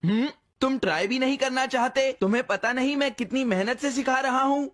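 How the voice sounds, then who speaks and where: A woman's voice: high voice, a little fast, natural voice. A woman voicing an emotional, impatient young schoolboy in a cartoon dub, pleading and exclaiming in a whiny way. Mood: upset, scolding. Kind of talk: Hindi cartoon dub acting. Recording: loud music under the voice.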